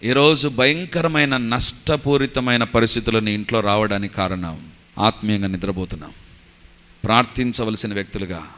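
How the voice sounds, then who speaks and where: Male preacher, sermon, bright tone, animated storytelling, mixes in english phrases. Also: lowish voice, moderate pace. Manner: animated storytelling, rising to loud exclaims. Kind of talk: Telugu sermon.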